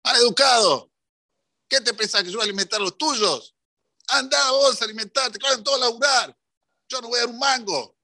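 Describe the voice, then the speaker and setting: A man putting on a shouting, furious rich man. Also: very high-pitched, a little fast, pitched above the performer's own voice, full character voice. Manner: shouting scolding.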